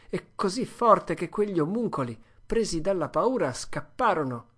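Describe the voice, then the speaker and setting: Steady storybook narrator, expressive reading. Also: mid-range voice. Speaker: audiobook narrator. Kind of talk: first-person storybook reading.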